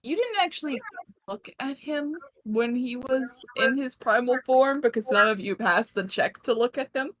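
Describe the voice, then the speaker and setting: A woman's voice: on the high side, normal speed, fairly bright tone, poor audio. A woman narrating a tabletop game as game master, casual with frequent filler uhs.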